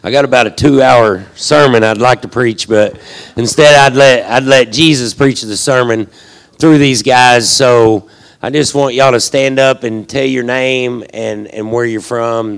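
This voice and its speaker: Gravelly folksy ministry leader. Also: male voice, medium pitch, fairly even intonation, moderate pace. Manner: rambling, folksy, long-winded. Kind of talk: casual speech to a church crowd.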